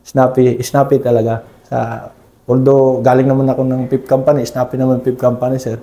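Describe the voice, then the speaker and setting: A mellow-voiced man recounts combat memories in a respectful, unhurried way. He tacks "sir" onto almost every phrase. The sound carries a roomy echo. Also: mid-range voice, level tone. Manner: deferential, ends nearly every phrase with "sir". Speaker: army scout ranger team leader. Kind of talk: conversational war story interview.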